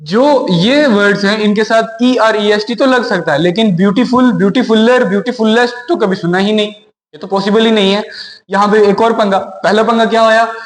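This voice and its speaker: A man's voice: high voice, normal speed. A man teaching English grammar in a classroom lesson, explaining step by step and asking rhetorical questions. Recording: echoey room with long reverb.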